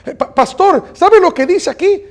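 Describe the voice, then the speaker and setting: A preacher voicing an excited young man who stammers as he talks. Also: extremely high pitch, measured pace, full character voice. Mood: amazed. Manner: breathless, stammering, exclaiming.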